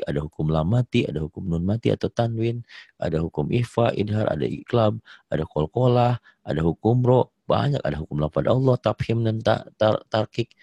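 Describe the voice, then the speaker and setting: Gravelly-voiced man teaching Quran recitation. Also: fairly low pitch, big pitch swings, dark tone, no room sound. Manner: patient, models recitation with drawn-out vowels. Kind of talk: online Quran recitation lesson. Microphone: video call.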